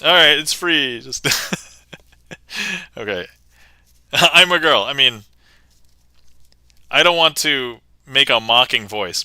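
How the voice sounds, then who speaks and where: Man with a bright, crisp voice. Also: medium pitch, no room sound, low-quality recording. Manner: chatty, laughs often, talks through card moves. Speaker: amateur magician livestreamer. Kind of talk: casual livestream magic patter.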